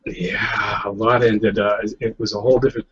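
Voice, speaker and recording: Interviewed casually over a webcam video call with slightly lo-fi audio, this New England, US guest photographer sits indoors in an office chair. He talks fairly quickly in a fairly low, level, slightly rough voice, rambling with lots of fillers and restarts and chuckling often.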